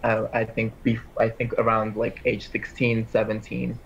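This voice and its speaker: A man's voice: fairly low pitch, completely flat delivery, normal speed, creaky. Guy in his 20s from armenia, rambly casual chat, dull lo-fi audio with a bit of hiss. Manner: rambling, heavy use of "like" and restarts. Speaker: interview guest, PA school applicant.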